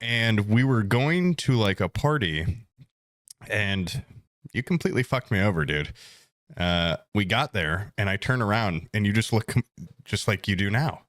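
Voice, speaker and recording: A young man co-hosting a podcast, spinning a long joking story. His voice sits low but swings widely in pitch as he gets animated. The sound is dry and close. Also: unhurried, no echo. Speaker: podcast co-host. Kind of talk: casual chat.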